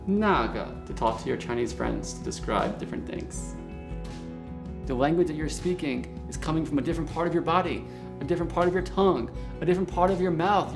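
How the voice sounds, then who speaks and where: At a whiteboard, an encouraging, cheerful man teaches Mandarin to beginners, frequently checking in with "okay?" and saying words slowly more than once. His pitch leans high, and his voice has a creaky texture.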